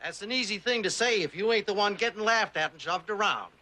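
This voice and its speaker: A high, bright voice belongs to this old prospector of a TV western. He is wary and sardonic, with folksy frontier talk and a dry, suspicious way of putting things. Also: lively intonation, a little fast. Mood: wry, suspicious. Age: older. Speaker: actor in a TV western. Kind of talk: TV western drama acting.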